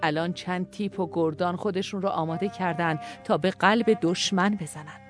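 A pleading, tearful male war commander in an audio story, as a narrator voices him. He speaks with strained emotion in an even, mid-pitched voice. Faint violin music plays underneath. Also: lightly acted. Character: grieving war commander, man, weary and pleading.

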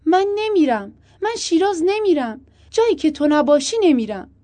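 A woman's voice: high-pitched, big pitch swings, dark tone, pitched above the performer's own voice. A woman voicing a frightened young wife who pleads emotionally with her husband. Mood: pleading.

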